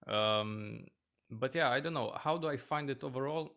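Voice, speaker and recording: A man from Romania, a flight attendant and host, chatting casually with a relaxed, storytelling manner. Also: mid-range voice, moderate pace. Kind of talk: casual chat.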